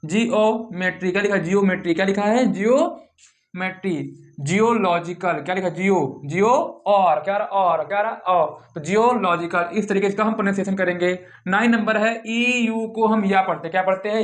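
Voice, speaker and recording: A young man with a high-sitting voice gives a classroom-style lesson on English pronunciation rules, repeatedly asking questions and then answering them himself.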